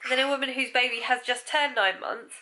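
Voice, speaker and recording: A young English woman vlogging casually, her voice congested from a cold, soft-spoken and chatty. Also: sits high, fairly even intonation, fairly quick. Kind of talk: casual vlog chat.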